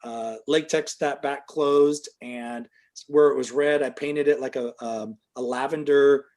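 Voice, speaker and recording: A man's voice: mid-range voice, fairly even intonation, measured pace, darkish tone. A middle-aged man telling a long, casual story as an interview guest, full of fillers, and livelier when he quotes other people.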